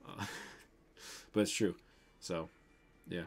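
Extremely slow and steady, this young man's deep voice carries vocal fry and is slightly rough. He hosts a toy unboxing livestream from his bedroom in the American Midwest, chatting loosely with a Midwestern accent, answering comments with many ums and casual swearing.

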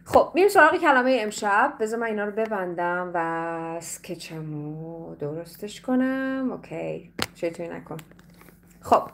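A Persian-speaking woman teaching English in a playful, lively way, slowing down carefully whenever she speaks English. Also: medium pitch, vocal fry, a little hiss or hum. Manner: switches between Persian and slow, carefully spoken English. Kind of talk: live online English lesson.

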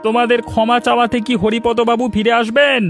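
Man voicing a very high-pitched, excitable village sidekick. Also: fast, faint music behind. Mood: angry. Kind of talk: Bengali cartoon voice acting.

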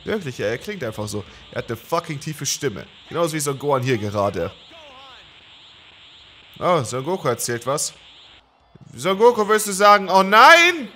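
Excitable, swearing man commentating gameplay. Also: on the high side, slight background noise. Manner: excitable, swears and yells at the game. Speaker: let's play gamer.

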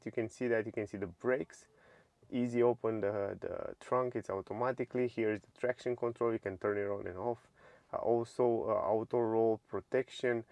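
A man's voice: fairly low pitch, a little mellow, no echo. A young man giving a casual walkthrough of a car's touchscreen from inside the car in a showroom. He is eager, doubles his praise words and uses many fillers. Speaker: car reviewer.

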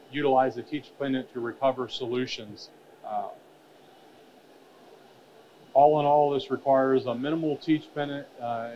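A man with a medium-pitched voice gives a conference presentation on an expo stage with a curtained backdrop at a trade expo. He sounds hesitant, with many fillers and restarts. The recording is dull and lo-fi, with faint hall noise.

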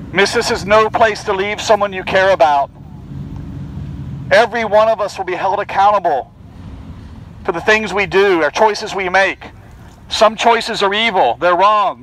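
A street preacher stands outdoors by a fence and bushes outside a building, insistently calling out to passersby. His high-pitched, fairly bright voice projects in insistent pleading, captured in a low-quality recording with a little hiss or hum.

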